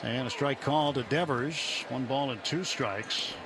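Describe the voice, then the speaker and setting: A man calling baseball play-by-play live from a broadcast booth, speaking in measured short phrases between conversational remarks. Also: mid-range voice. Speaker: baseball radio play-by-play announcer. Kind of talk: live sports commentary mixed with booth interview. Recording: ballpark booth with clear outdoor background noise.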